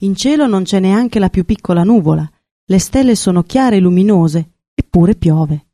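A woman's voice: medium pitch, animated, warm tone, no room sound, studio quality, natural voice. A woman voicing an impulsive, vain young male swallow in a storybook reading. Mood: fussy. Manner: brisk, fussy, self-important.

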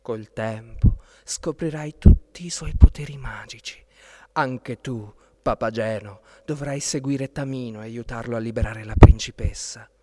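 A man's voice: mid-range voice, measured pace, noisy background, voice pushed down, natural voice. A man voicing a solemn, kindly lady-in-waiting who hands out magic gifts in a storybook tale.

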